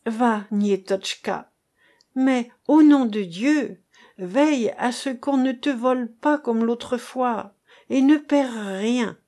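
A woman voicing a poor, desperate mother who shouts and accuses in a high, loud voice. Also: slow pace. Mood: anxious.

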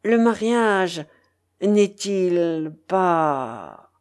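A woman's voice: lowish voice, very animated, very slow, a little mellow, heavily acted. A woman voicing a rustic middle-aged village mayor, hearty, rambling and tipsy. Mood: jovial.

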